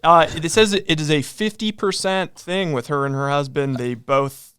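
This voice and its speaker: Man, smooth voice, slightly high, halting list reading, dry sound. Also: fairly even intonation, a bit bright, no room sound. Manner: halting, stumbles while reading.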